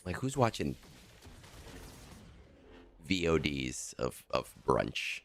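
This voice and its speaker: A man's voice: a bass voice, big pitch swings, slow. A man streaming a game and chatting in a casual, rambling and joking way, his voice scratchy in the morning. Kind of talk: casual live-stream chat.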